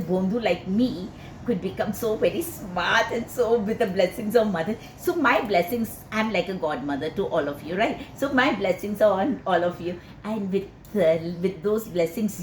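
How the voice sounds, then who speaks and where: An older woman with an Indian accent who recites a poem and then tells a chatty, animated personal story, laughing often and filling pauses with "uh" and "you know.". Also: mid-range voice, a little hiss or hum. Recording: echoey room with faint ambience.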